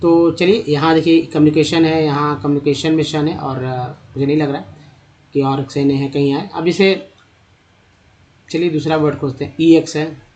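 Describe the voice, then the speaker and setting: A man teaching English reading in a phonics lesson, spelling out letters and sounding out each word part slowly. His voice sits a little high. The recording is dull and lo-fi. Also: steady tone, darkish tone. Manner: addresses viewers as friends. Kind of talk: spoken Hindi phonics lesson.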